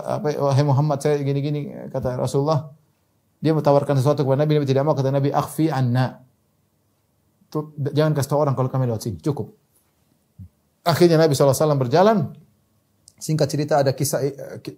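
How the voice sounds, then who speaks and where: A man giving a storytelling sermon, animating the people in his story with lively quoted lines. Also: a little high. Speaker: Islamic preacher.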